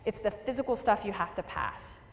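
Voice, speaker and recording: A woman in her thirties delivers a keynote, telling a personal story in a candid, wry and emphatic way. Her voice sits at an ordinary pitch. It carries through a large hall with a long, roomy reverb. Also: expressive, moderate pace, vocal fry. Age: 30s. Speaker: keynote speaker. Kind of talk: storytelling speech. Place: large hall at a leadership forum.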